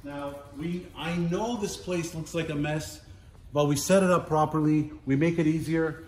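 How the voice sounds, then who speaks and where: A middle-aged man giving a casual walking tour of a large warehouse as an auctioneer, chatty and playful, listing items in quick repeats. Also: on the high side. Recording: roomy warehouse echo, faint background noise.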